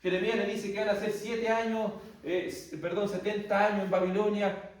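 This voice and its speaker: High-voiced man teaching in an echoey room. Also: level tone, normal speed. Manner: asks rhetorical questions and answers them himself. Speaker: Bible teacher. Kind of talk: theology class lecture. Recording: very echoey room, distant mic.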